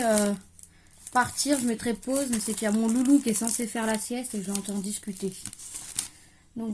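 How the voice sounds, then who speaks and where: A woman's voice: fairly high pitch, darkish tone, a little hiss or hum. A young woman chatting casually through a craft haul at home, thinking aloud as she unpacks and trailing off now and then, with a light regional accent. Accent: French-speaking, regional. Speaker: crafting vlogger showing a haul. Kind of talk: casual haul chat to camera. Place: at home, at a craft table, creaky chair.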